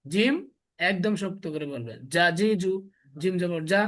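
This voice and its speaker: A man's voice: high-pitched, expressive, a bit bright. Man drilling Arabic letter sounds. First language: Bengali. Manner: repetitive, drills syllables slowly and asks students to repeat. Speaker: Arabic alphabet teacher. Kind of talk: classroom lesson with call-and-response drilling.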